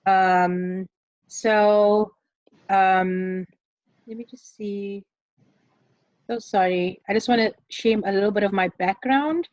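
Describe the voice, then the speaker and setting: A woman facilitating an online session, speaking earnestly with many ums and pauses. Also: mid-range voice, steady tone, a little mellow, no echo, dull audio. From South Africa. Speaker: webinar facilitator. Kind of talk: online presentation. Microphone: computer mic on a video call.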